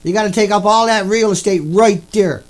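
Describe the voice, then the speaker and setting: A man delivering an angry, profane ranting monologue, repeating himself and bursting into shouts. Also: high voice, brisk, poor audio. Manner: repetitive, profane, indignant. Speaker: video host.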